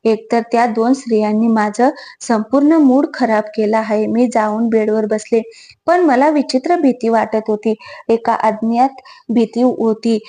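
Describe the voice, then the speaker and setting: A woman reads a heartfelt story aloud in the first person, steady and earnest. Her voice sits a little high. It has a mellow, warm tone. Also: unhurried. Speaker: storyteller, channel host. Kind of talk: scripted first-person narration of an emotional story.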